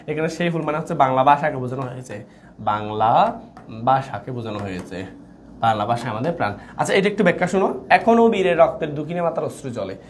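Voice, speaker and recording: A young man with a Bangladeshi Bengali accent teaching an online exam-prep lecture, quizzing his students with rhetorical questions. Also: on the high side.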